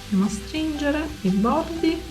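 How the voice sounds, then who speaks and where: Slow-paced woman teaching cooking. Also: high voice, lively intonation. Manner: instructional, repeats and narrates each hand movement. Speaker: home cooking show host. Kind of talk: step-by-step cooking tutorial. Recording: roomy echo, music underneath.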